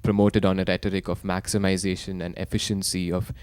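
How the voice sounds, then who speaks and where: A man speaking on a panel, measured and critical, with some fillers. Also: sits low, flat delivery, darkish tone, clean tone. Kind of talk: panel talk.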